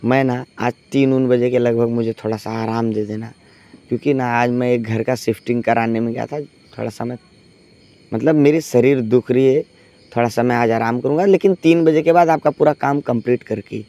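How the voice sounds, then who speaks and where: A man voicing a frightened young male factory worker in a low, hushed tone. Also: fairly even intonation, normal speed, close to an everyday voice. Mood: tired.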